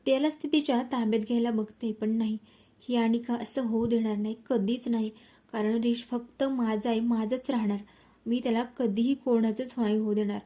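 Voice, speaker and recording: A jealous, possessive young woman fixated on the man she wants, as a woman narrator puts her on. Her voice sits a little high, with a mellow tone and a narrow pitch range. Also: steady tone, normal speed, lightly acted. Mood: spiteful. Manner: sweet-talking, then bitter.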